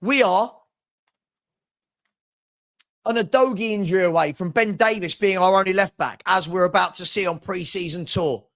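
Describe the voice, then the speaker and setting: A man's voice: high-pitched, a little fast, fairly bright tone. A man hosting a fan channel, delivering an angry, exasperated rant to viewers, emphatic and repetitive, with sarcastic mimicry. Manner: exasperated, emphatic, repeats phrases. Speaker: football fan channel host.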